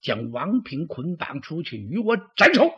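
A man's voice: on the high side, big pitch swings, moderate pace, husky, full character voice. Man voicing a barking hot-tempered general. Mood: angry. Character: hot-tempered male general, bossy and angry. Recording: dull lo-fi recording.

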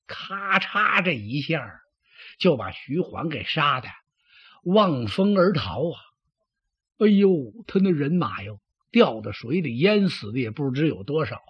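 A man, telling a traditional story with animated, dramatic delivery and a husky voice. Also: fairly high pitch. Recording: dull lo-fi recording.

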